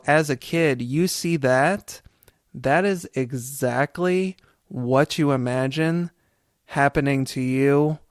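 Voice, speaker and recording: Smooth-voiced man musing on a podcast. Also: mid-range voice, dry recording, studio quality. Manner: reflective, meandering storytelling. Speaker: podcast co-host. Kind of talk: casual podcast chat.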